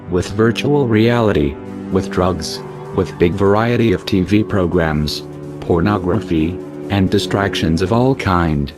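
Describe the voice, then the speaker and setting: Disguised deep voice, man, very low, grave scripted warning, ominous, music behind. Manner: grave, ominous, addressing the listener directly. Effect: disguised, pitch-lowered deep voice. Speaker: anonymous narrator. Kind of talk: scripted narration of a warning message.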